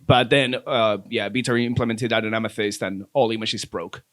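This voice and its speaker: A man guesting on a tech podcast, explaining haltingly with many restarts and jokey asides. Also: on the low side, fairly even intonation, a bit bright. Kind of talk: casual tech chat.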